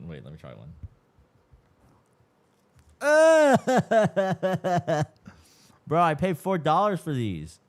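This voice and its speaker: A man's voice: sits high, huge pitch swings, extremely slow, pauses often. A man in his mid twenties, chatting casually as a livestream host, slangy and swearing freely, sounding tired. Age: 20s. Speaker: streamer.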